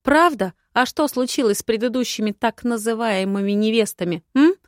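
A woman voicing a sharp-tongued, defiant young heroine who answers with mocking retorts. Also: on the high side, moderate pace, dry recording, studio quality, pitched above the performer's own voice, lightly acted.

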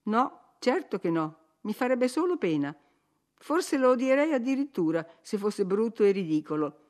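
A woman's voice: mid-range voice, big pitch swings, normal speed, darkish tone, lightly acted. A woman voicing an impetuous, willful young woman who speaks in an emphatic, insistent way. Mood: sulky.

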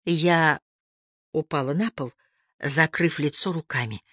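A woman narrating a first-person story as an audiobook reader, with an expressive delivery that moves between hushed and lifted tones. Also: deep voice, measured pace, no echo, studio quality.

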